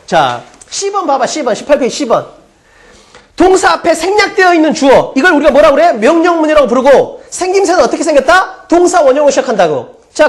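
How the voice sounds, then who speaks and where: A woman teaching an English grammar lesson in a casual classroom style, walking through examples and asking frequent rhetorical questions. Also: high voice. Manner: explains step by step with many rhetorical questions; casual, chatty asides.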